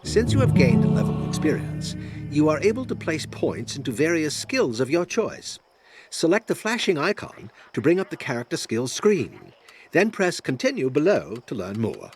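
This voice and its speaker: A man's voice: fairly high pitch, sing-song, moderate pace, faint music behind. An actor playing an ancient, mocking spirit in a fantasy game, pompous and sarcastic in his condescension. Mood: haughty condescension. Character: ancient mocking male spirit bound to a bloodline. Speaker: tutorial guide. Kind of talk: theatrical fantasy game voice acting.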